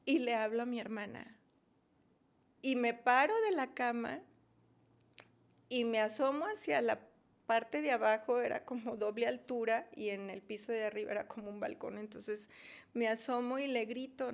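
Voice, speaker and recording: Gravelly-voiced woman telling her story. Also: on the high side, normal speed. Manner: emotional, storytelling, reenacting her own pleas. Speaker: guest. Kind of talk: personal testimony in a podcast interview.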